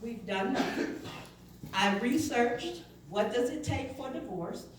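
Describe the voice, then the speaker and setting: A woman's voice: fairly high pitch, lively intonation, slow pace. Woman giving a testimony in an echoey church. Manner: storytelling, quoting others in dialogue. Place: church sanctuary. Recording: echoey church hall from far off.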